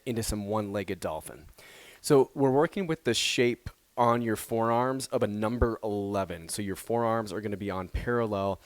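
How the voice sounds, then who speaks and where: A man teaching a power yoga class, giving calm, encouraging step-by-step cues and gentle praise. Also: fairly low pitch, no echo. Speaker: yoga instructor. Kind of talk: guided yoga class instruction.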